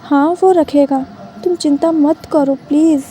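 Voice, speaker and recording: A woman voicing a calm, reassuring husband and father in a storybook read-aloud, with a soothing manner. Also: high-pitched, a little slow, a little hiss or hum. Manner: gentle, soothing.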